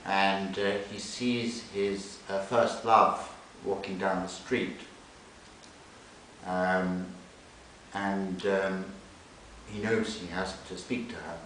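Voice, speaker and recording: This literary translator, a man with a low, fairly even, slightly bright voice, speaks slowly as he introduces and then reads from a novel at a live event. The room is an indoor library space, and a recorder set far from him gives the audio an echoey, hissy quality.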